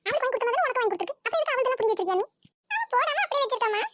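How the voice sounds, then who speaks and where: A woman voicing a complaining teenage girl in a cartoon, shrill and whiny. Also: animated, racing, a bit bright, no room sound. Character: squabbling teenage girl, complaining about her sister.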